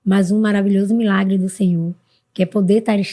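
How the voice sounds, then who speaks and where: A middle-aged woman from Brazil, a guest on a podcast, talking earnestly and warmly about her life and her mother, sometimes jumping high in pitch when she quotes others. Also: fairly even intonation, fairly quick. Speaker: podcast guest, mentor for women. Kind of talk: casual interview talk.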